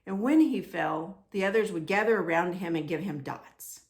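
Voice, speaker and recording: A woman with a fairly low-pitched voice reads aloud to children in an expressive storytelling style. She puts deliberate emphasis on simple phrases.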